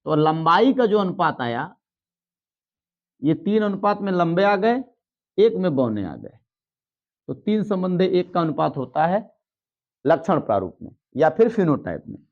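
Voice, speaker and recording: A man's voice: sits high, very animated, unhurried, long pauses, lo-fi sound. A man teaching a biology lesson at a board, explaining step by step and checking in with students. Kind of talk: blackboard lesson.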